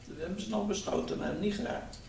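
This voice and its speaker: An elderly woman with a creaky voice, reminiscing casually on an old home tape recording. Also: medium pitch, fast, a little mellow. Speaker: interviewee recalling wartime memories. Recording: distant, very echoey, hissy home tape.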